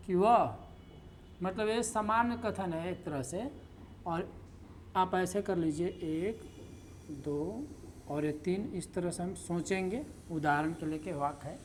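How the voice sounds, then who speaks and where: A woman gives a grammar lesson at a very unhurried pace, explaining step by step with fillers and repeated example sentences. Her voice sits at a middle pitch, with a faint hum of noise behind her. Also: darkish tone. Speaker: Hindi grammar teacher. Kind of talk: lecture.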